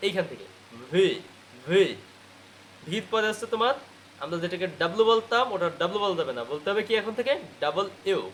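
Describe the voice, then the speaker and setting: High-voiced man teaching pronunciation. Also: very fast, fairly bright tone, a little hiss or hum. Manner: repeats each point as a question and answers it. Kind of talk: spoken lecture to students.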